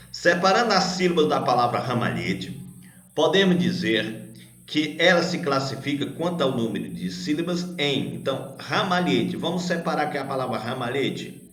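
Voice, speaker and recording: A man, a teacher, patiently correcting a grammar worksheet for children, asking questions and answering them himself, spelling out syllables slowly. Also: medium pitch, animated, fairly bright tone. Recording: echoey room.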